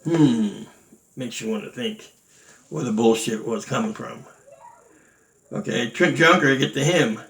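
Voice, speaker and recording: A man with a mid-pitched voice tells his side of a story in a loose, candid way. He sounds indignant and blunt, swears without hesitation, and fills his speech with "you know" and "uh.". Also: measured pace, long pauses, a bit bright, low-quality recording. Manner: blunt and indignant, swears freely, many fillers. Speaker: martial arts instructor recounting events.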